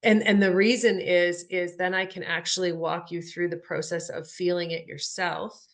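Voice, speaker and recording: A woman's voice: lowish voice, little pitch movement, normal speed. A woman hosting a spiritual podcast, talking earnestly about soul, energy and healing. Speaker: podcast host.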